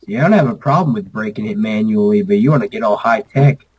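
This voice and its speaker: A man's voice: lowish voice, quick pace, darkish tone, low-quality recording. A young man chatting casually and bluntly while gaming over a call, teasing and swearing.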